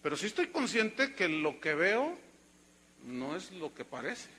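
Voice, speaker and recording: A man's voice: high voice, sing-song, unhurried, sharp tone, a little hiss or hum. A man with a Mexican Spanish accent preaching a sermon as pastor, conversational and teasing, then emphatic.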